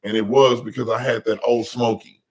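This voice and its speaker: A man hosting a casual talk show, telling animated stories in an easygoing chat. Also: mid-range voice. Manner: animated storytelling, drawn-out complaints. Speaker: podcast host.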